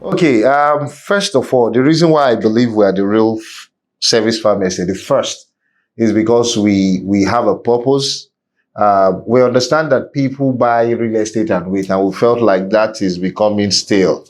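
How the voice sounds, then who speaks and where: A man's voice: fairly low pitch, normal speed, a little mellow. A man with a Nigerian accent speaking as an interview guest, making his points emphatically with parables and rhetorical questions, like someone preaching. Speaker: podcast guest, real estate business executive. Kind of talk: conversational interview with opinionated advice.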